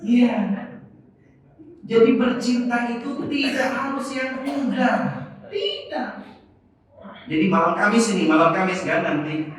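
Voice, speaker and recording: High, slow-talking preacher in echoey mosque. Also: male voice, expressive. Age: 50s. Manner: playful, question-and-answer with congregation. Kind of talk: sermon. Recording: echoey mosque from far off, faint noise.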